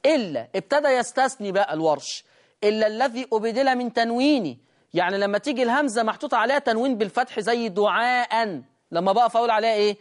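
A teacher with an Egyptian Arabic accent gives a classroom lesson on recitation rules. The teacher asks the class questions, answers them, and chants quoted verse lines slowly. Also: medium pitch, animated.

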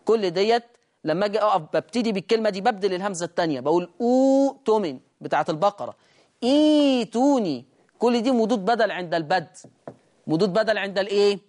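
An Egyptian-accented recitation teacher gives a classroom lesson, with a mid-range voice. The teacher keeps asking rhetorical questions, answers them at once, and draws out quoted verse in a slow chant. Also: mid-range voice, animated, a little mellow. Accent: Egyptian Arabic.

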